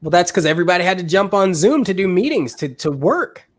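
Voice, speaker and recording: A man's voice: high-pitched, big pitch swings, fast talker. A man talking casually as a realtor and podcast host, thinking aloud with restarts. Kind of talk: casual panel talk.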